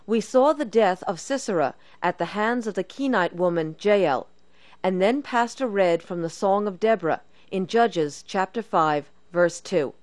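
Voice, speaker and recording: A woman's voice: mid-range voice, measured pace, dry recording. A woman reading a scripted introduction as the host of a Bible study radio program.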